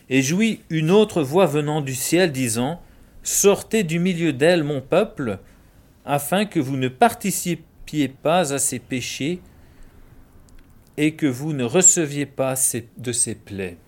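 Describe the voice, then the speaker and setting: A man from Belgium with a Belgian French accent, explaining Bible principles in a measured, conversational way with everyday examples. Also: a little high, a little mellow. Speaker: Bible discussion speaker.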